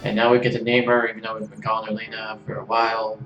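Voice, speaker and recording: A man's voice: fairly low pitch, completely flat delivery, fast talker, fairly bright tone, recorded from a distance. A man streaming a video game, chatting casually with jokes and self-deprecating asides. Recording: roomy room, faint game music.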